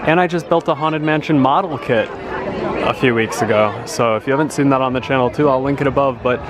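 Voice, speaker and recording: A man's voice: medium pitch, a little fast, crowd noise. A man giving casual, easygoing and upbeat vlog commentary while out at a theme park. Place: walking around a theme park. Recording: very noisy park ambience around voice.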